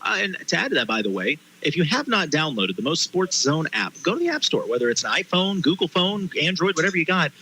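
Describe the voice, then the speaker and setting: A man hosting a live high school sports halftime show from a booth, chatting and giving promos. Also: big pitch swings, quick pace, hardly any pauses, sharp tone, a little hiss or hum, rough recording. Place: stadium press booth.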